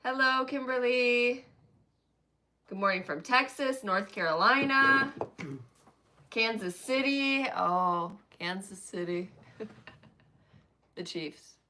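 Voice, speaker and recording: A woman with a fairly high voice co-hosts a relaxed stitching live stream from her phone camera, chatting and laughing as she welcomes viewers. She speaks slowly with long pauses, and the background is noisy.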